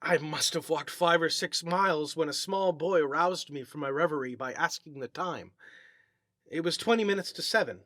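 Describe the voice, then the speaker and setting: A man reads an eerie short story aloud in a theatrical, deliberate way. His voice sits a little high with a bright, forceful edge, and the recording is very dry, with little room sound and no echo.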